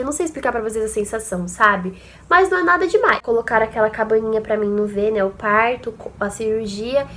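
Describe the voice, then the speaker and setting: A woman's voice: a little high, fairly bright tone. A young woman with a Brazilian accent tells a personal story to her viewers in a chatty, emotional way, often calling out to them. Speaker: vlogger. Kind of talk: casual personal storytelling to camera.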